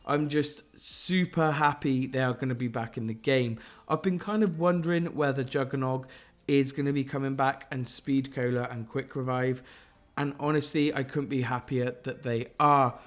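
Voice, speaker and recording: A man's voice: medium pitch, moderate pace. A man talking viewers through game leaks in an enthusiastic, speculative way. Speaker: gaming YouTuber.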